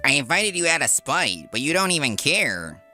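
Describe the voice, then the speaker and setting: A man's voice: a little high, very animated, moderate pace, pushed and bright, soft background music, heavily acted. A man voicing a smug, spiteful younger brother in a comic dub. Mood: spiteful, annoyed. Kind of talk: comic dub character acting.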